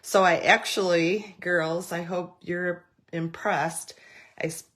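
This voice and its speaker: Lady doing a live crafting demo, deep-ish voice, takes her time, rambles a bit. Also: steady tone, slow, fairly bright tone. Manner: chatty, greets viewers by name; rambling with many fillers and restarts. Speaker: craft demonstrator.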